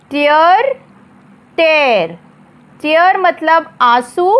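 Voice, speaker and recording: Slow, high-voiced woman teaching. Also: fairly bright tone. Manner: spells words letter by letter and repeats them. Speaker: English teacher. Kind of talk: slow explanatory lesson.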